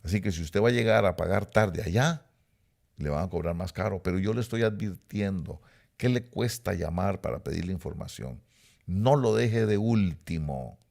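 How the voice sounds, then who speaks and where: A man's voice: low-pitched, animated, normal speed, vocal fry, darkish tone. A middle-aged man preaching a sermon, emphatic and repetitive, speaking straight to his listeners. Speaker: pastor.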